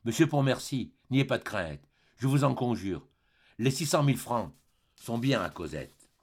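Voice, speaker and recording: A man's voice: mid-range voice, expressive, a little slow, a little mellow, husky. A man doing a faint, dying old man. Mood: weak. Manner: faint, subdued.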